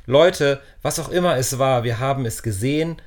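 Man reading as earnest schoolgirl, steady, urging, storybook voice. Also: mid-range voice, brisk, natural voice.

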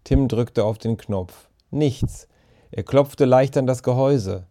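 Brief: male audiobook narrator, mellow tone, measured storytelling. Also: mid-range voice.

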